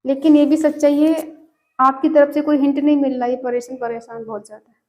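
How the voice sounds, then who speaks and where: A woman with a high voice gives a collective tarot love reading. She talks earnestly and repeats herself, often checking in with the listener as she goes. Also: level tone, brisk, a little mellow. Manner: earnest, repetitive, often asks "ठीक है". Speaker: tarot reader.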